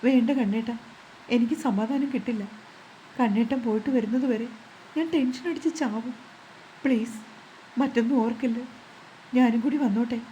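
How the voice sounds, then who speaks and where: An anxious young wife pleads in a worried, tender voice, pitched fairly high and mellow, as a woman narrator gives her lines. A faint hiss sits behind. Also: normal speed, long pauses, lo-fi sound, lightly acted. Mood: pleading.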